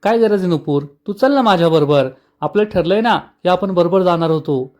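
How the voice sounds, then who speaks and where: A man's voice: high-pitched, animated, moderate pace, darkish tone. A man voicing a jealous, possessive young male boss who talks in an insistent, commanding way.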